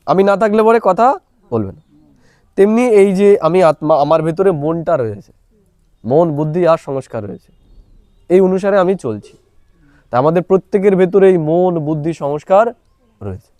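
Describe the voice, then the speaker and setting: High-voiced man teaching a meditation class. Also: a little mellow, dry recording, clean studio sound. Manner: asks listeners rhetorical check-in questions. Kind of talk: spiritual class lecture. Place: small room, recorded on a mobile phone. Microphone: clip-on microphone.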